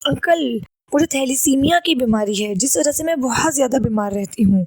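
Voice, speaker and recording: A sweet little ghost girl begs for help in a soft, innocent way, read by a woman. The voice sits high and the sound is close and dry. This is a storybook telling. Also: animated, breathy edge, no room sound. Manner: pleading and innocent.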